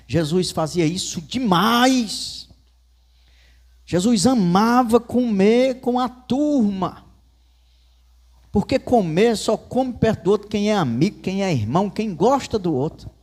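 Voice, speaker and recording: A Northeastern Brazilian man preaching a sermon in church, his voice sitting high. He tells stories with folksy asides, and his pitch leaps around with animated energy. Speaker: pastor.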